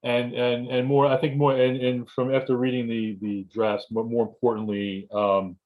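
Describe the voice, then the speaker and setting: A male writing instructor talks students through a lesson on a video call. He is halting and restarts phrases often, in a mid-range voice. The sound is dull and lo-fi. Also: medium pitch, level tone. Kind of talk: informal lecture to students. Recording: dull, muffled lo-fi audio.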